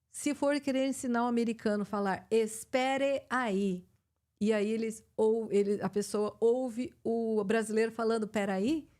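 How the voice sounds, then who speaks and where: A woman's voice: on the high side, warm tone. A middle-aged woman with a Brazilian Portuguese accent, an English teacher hosting a live chat and explaining with many fillers and restarts.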